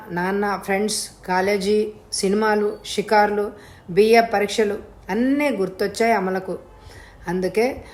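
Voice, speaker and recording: A woman's voice: medium pitch, a little mellow. Woman reading a thriller aloud. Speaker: storyteller. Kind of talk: audiobook narration of a thriller.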